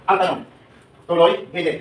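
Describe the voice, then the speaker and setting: Older man, 70s, live seminar speaker, quick and joking, echoey hall recording. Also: sits high, recorded from a distance, very noisy. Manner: animated, joking, questioning the audience. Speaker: OFW advocate speaking to workers. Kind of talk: live seminar talk to a crowd. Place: large hall with an audience.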